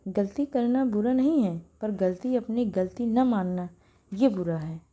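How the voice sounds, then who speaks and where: Brief: outspoken young daughter, played by a woman, firm and loud. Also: mid-range voice, a little slow, close to an everyday voice. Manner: firm, raised, forceful.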